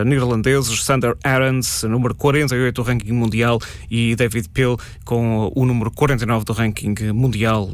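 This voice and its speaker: A man's voice: mid-range voice, no echo. A man with a European Portuguese accent presenting a live radio sports bulletin.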